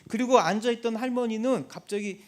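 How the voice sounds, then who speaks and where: A man, a missionary, giving an animated church testimony and acting out the people in his story. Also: very high voice, fairly quick. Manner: animated, acts out quoted people.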